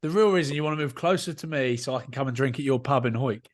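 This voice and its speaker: A man's voice: medium pitch, racing. A man co-hosting a casual chat, joking and teasing his guest and swearing freely. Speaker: podcast co-host, fellow player. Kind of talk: casual banter.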